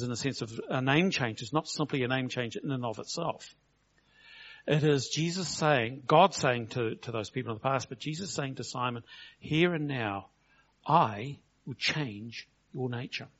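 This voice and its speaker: A man's voice: mid-range voice, a bit bright, slightly rough. New man preaching, lo-fi. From New Zealand. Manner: conversational, slows for emphasis, acts out quotes. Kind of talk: sermon. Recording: dull lo-fi recording.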